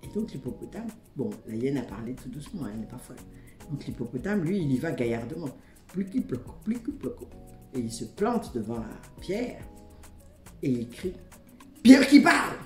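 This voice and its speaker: Low-voiced woman telling a folk tale. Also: brisk. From Côte d'Ivoire. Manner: expressive, chatty asides to listeners. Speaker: storyteller. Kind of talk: oral folk tale narration. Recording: roomy echo, faint music.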